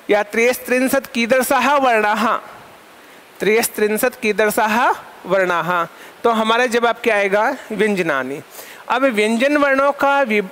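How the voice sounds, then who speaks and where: A male Sanskrit lecturer teaching a class, asking questions and answering them himself, repeating terms in lists and dictating definitions slowly for notes. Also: extremely high pitch, fairly bright tone.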